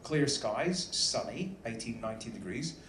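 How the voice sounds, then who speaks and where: With a fairly bright, expressive, medium-pitched voice at normal speed, a man plays an upbeat cruise director giving a joking welcome speech to a live audience. He speaks into a stage microphone in a large indoor ship venue with an audience, and the recording has a roomy echo and faint background noise.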